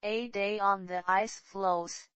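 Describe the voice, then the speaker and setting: A woman reads out scripted titles as an announcer. She speaks slowly at a medium pitch, in a very dry recording. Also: steady tone, fairly bright tone, no room sound, lo-fi sound.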